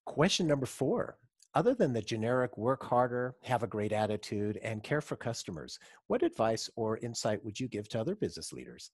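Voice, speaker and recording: A man in his forties hosts a podcast, upbeat and encouraging as he runs through his set questions. His voice is slightly husky and animated, rising and falling a lot. The sound is dry, from a home setup with earbuds. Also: mid-range voice, fairly quick, no room sound. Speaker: podcast host. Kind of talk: scripted podcast intro and interview questions.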